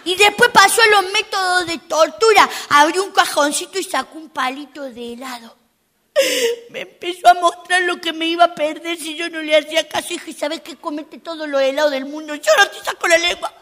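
A cheeky, indignant little girl, played by a woman comic, grumbling her way through a comic monologue. Her voice sits high and bright, full of sassy asides and mock outrage. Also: brisk. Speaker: stand-up comic in character.

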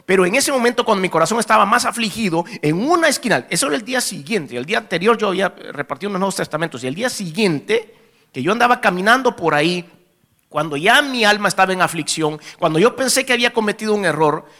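A Salvadoran preacher giving a testimony, his voice bright and fairly high as he tells an animated story. He keeps turning to the congregation as brothers, and his pitch swings widely. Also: fast. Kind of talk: sermon testimony.

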